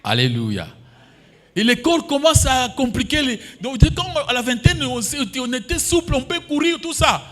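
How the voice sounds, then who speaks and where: A man in his fifties preaches with a Congolese French accent, his high voice leaping up and down in pitch. He punctuates the sermon with alleluias and amens and slips into Lingala. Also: big pitch swings, normal speed. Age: 50s. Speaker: pastor.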